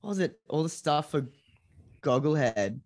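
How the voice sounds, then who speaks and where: A man's voice: fairly high pitch, lively intonation, normal speed, darkish tone. A young Australian man in a band, chatting casually in an interview and telling self-mocking stories. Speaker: band member.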